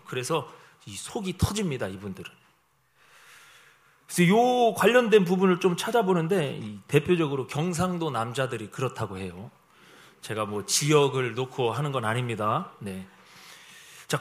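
Guy preaching a sermon, bit high voice, bouncy up and down, loud then hushed. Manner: animated preaching that swings between loud and hushed; humorous storytelling asides. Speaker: pastor.

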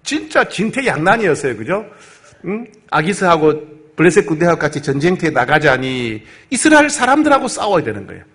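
Animated male pastor teaching scripture. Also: on the high side, a little fast. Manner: animated, asks the congregation questions. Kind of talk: Bible study sermon.

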